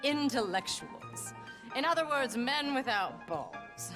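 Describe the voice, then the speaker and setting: A high-voiced British woman, the drunken town lush of a Western game. Her delivery is theatrical, bawdy and self-pitying, swinging widely in pitch, with music behind her. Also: big pitch swings, slow, heavily acted. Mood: boozy self-mockery. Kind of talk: video game character acting.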